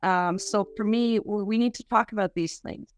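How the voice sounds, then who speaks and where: A woman's voice: medium pitch, no room sound, clean studio sound. A middle-aged woman from Quebec, a research director speaking earnestly in a podcast interview, often restarting her sentences. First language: French. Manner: earnest, halting with many restarts.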